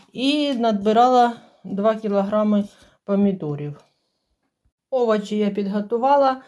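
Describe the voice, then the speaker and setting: A middle-aged woman hosting her own cooking channel, calmly explaining a home recipe step by step in an unhurried, chatty way. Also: medium pitch. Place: home kitchen. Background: sizzling frying food.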